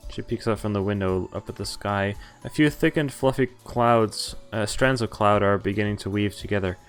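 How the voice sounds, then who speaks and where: A man with a clean, lowish voice streams a visual novel at a moderate pace, casually reading its narration and dialogue aloud with light acting and offhand reactions. Game music plays behind his voice.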